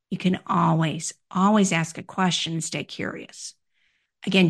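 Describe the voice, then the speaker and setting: A woman giving instructional advice on handling difficult requests, in a measured, explanatory way that poses questions to the listener. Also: fairly low pitch, vocal fry, fairly bright tone. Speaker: workplace communication coach. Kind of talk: instructional talk.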